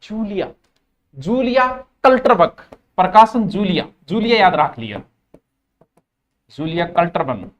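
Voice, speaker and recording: A man's voice: high voice, big pitch swings, a little slow, pauses often. A man with a Rajasthani accent teaching a live exam-prep class. He drills key terms by repeating them.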